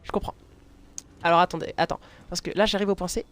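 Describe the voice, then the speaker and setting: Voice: medium pitch, fairly even intonation, fast talker. A live streamer chatting casually while playing a game, hesitant, with many fillers and restarts, and laughing often.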